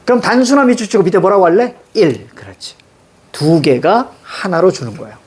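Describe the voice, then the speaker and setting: A man's voice: high voice, slight background noise. A male teacher giving a classroom grammar lesson, questioning students and repeating key words.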